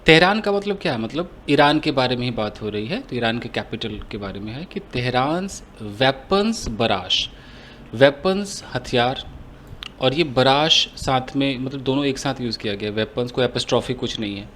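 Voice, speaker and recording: A man's voice: medium pitch, expressive, a bit bright, a little hiss or hum. A man from India teaching English grammar in Hindi, explaining step by step, asking and answering his own questions. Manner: slows down to read English phrases aloud.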